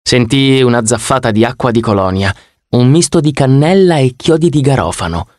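A man's voice: medium pitch, animated, normal speed, darkish tone, no room sound, clean studio sound. A man reading a first-person audiobook narration with a wry storytelling delivery.

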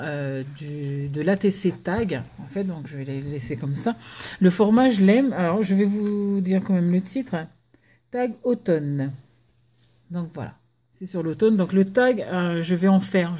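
A woman chatting casually at home as she opens her mail, keeping her voice down and pausing often with fillers. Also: mid-range voice. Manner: chatty, hesitant with many fillers; talking softly while children nap. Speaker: crafting vlogger. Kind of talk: casual unboxing chat.

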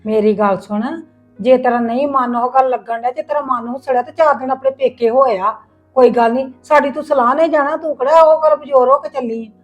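A middle-aged woman playing a patient mother-in-law who gently advises and reassures in a family drama. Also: high-pitched, steady tone, a little fast, soft background music, close to an everyday voice. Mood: soothing. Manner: coaxing, reassuring, lecturing softly. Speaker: actor in a family web drama. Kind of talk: acted family drama dialogue.

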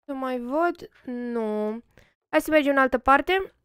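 A woman hosting a gaming channel, chatting casually and playfully while exploring a game, with excited exclamations. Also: high-pitched, clear, resonant tone, no room sound, clean studio sound. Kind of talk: casual gameplay chat.

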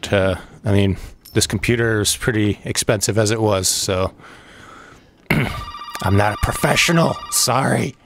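Profane, excitable let's play man. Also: fairly low pitch. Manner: profane, excitable, rambling, with frequent outbursts. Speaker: gaming video host.

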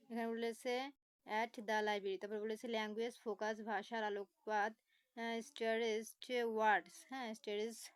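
Slow, patient woman teacher spelling words. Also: a little high, smooth, low-quality recording. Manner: spells words letter by letter, slow explanations with many fillers. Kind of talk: online lesson explaining a textbook.

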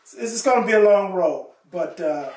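A middle-aged man, a player's father, speaking in a measured, hesitant way in a sit-down interview on a living room sofa. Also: sits high, lively intonation, a little mellow. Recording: roomy, distant mic.

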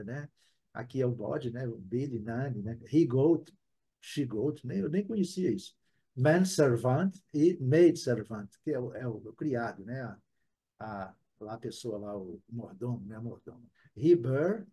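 A man with a Brazilian Portuguese accent teaching a live online English class, chatty and often adding quick tag questions. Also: fairly high pitch, mellow, husky.

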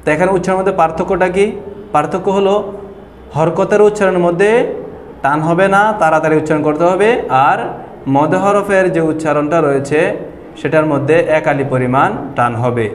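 Man, somewhat high voice, patient whiteboard teacher, roomy echo, faint hiss. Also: fairly even intonation. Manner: slow, patient explaining, drawing out example sounds. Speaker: Quran reading teacher. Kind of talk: whiteboard lesson on Quran pronunciation. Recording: echoey room with long reverb and faint noise.

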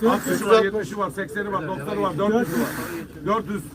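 At a busy fish market auction, a male auctioneer with a high-pitched voice briskly calls out prices, repeating his sales calls to the gathered bidders as he sells lots live. The mic picks him up from a distance, and a loud crowd of buyers fills the background.

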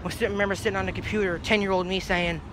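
Chatty high-voiced young man vlogging outdoors. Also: little pitch movement, rapid-fire, noisy background. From New Jersey. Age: young adult. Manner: chatty, rambling, easily sidetracked, swears casually. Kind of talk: casual rambling vlog. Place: outdoors by a brick house in a grassy yard. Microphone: phone held low at arm's length.

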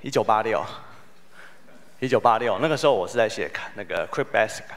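Lowish man, keynote. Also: animated, fairly quick. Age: 40s. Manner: humorous, storytelling, self-deprecating. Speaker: keynote speaker. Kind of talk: conference keynote talk. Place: conference hall.

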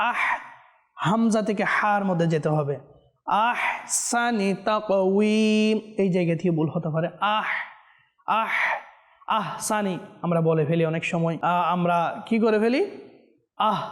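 Earnest high-voiced man teaching recitation. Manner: drawn-out melodic recitation between quick explanations; earnest, repeats corrections to viewers. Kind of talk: televised recitation lesson.

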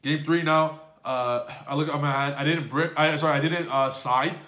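A man hosting a gaming channel, recapping a card game match in casual commentary, excitable and swearing freely as he quotes his own reactions. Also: on the high side, moderate pace, echoey room.

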